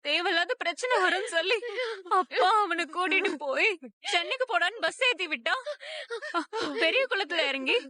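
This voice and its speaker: A woman's voice: very high voice, lively intonation, normal speed, pushed and bright, no echo, full character voice. An actress dubbing a reproachful woman of the family who comforts and scolds in a TV serial. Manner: reproachful, pleading. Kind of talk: dubbed TV serial dialogue.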